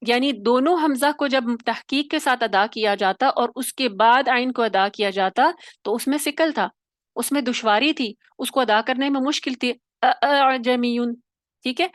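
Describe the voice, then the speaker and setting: Female recitation teacher: fairly high voice, dry close mic, patient step-by-step demonstrations. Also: no echo. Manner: explains step by step, demonstrates sounds, checks with "theek hai?". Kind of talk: tajweed lesson.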